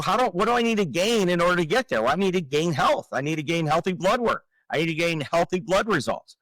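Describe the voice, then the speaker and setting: A man in his forties, a real estate coach talking on a podcast, explaining his framework with energetic rhetorical questions. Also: a little high, no room sound, rough recording. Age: 40s. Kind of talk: casual podcast talk.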